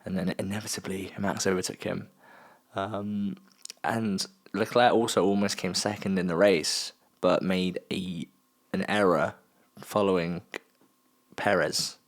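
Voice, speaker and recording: A man's voice: low-pitched, fairly even intonation, a little slow. A young man from the South of England co-hosting a casual sports podcast, joking and laughing as he chats. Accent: Southern English. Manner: jokey, laughs a lot, trails off mid-thought. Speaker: podcast co-host. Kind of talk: casual chat.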